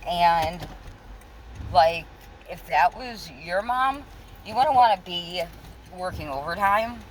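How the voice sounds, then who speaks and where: A woman talks very slowly in a casual, venting monologue. Her delivery is halting, circling back on itself with informal, sweary language. A clear, vehicle-like noise runs behind her voice. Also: fairly low pitch, lively intonation, poor audio. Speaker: vlogger.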